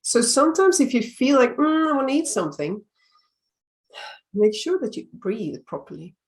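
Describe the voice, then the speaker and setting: A woman from Sweden with a noticeable Swedish accent gives everyday lifestyle advice to the camera. Her delivery is calm and measured, and she slows down to stress the important points. She sounds middle-aged and is recorded close to the mic. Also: high voice. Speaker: time-management coach. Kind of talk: video tip talk.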